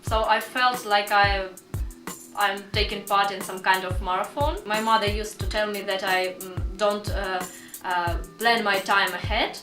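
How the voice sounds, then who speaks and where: A young woman from Ukraine, a student, speaking softly and a little hesitantly in an interview testimonial. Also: medium pitch, fairly even intonation, unhurried, over music. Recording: roomy echo.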